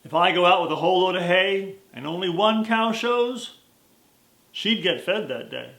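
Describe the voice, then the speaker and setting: A man playing a plainspoken, unflappable old cowboy from a story poem, with a drawn-out Western American drawl. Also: high-pitched, expressive, gravelly, fairly bright tone, reverberant, pitched above the performer's own voice, heavily acted. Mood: earnest, encouraging.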